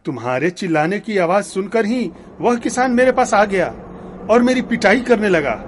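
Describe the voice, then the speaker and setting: A man's voice: sits high, slight background noise. A man voicing a big, trusting, good-natured male camel in a storybook cartoon. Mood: friendly. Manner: friendly, slow and lively.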